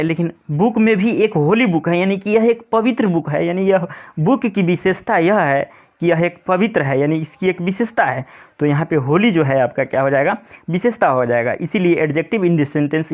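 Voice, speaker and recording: A male teacher explaining an English grammar lesson to pupils, patient and repetitive. He reads the English example sentences slowly, word by word. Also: a little high, dull audio. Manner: repetitive, patient, keeps saying "pay attention".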